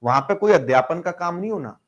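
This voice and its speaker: A man's voice: high voice, animated, fast, dull audio. A man teaching an algebra class online, working through problems step by step, asking rhetorical questions and urging students to reply. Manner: coaxing, keeps calling students brother and asking them to reply. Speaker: maths teacher.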